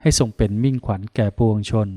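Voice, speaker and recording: A man from Thailand, a Buddhist monk, leading a guided meditation in slow, calm, soothing instructions with pauses. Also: no echo, studio quality.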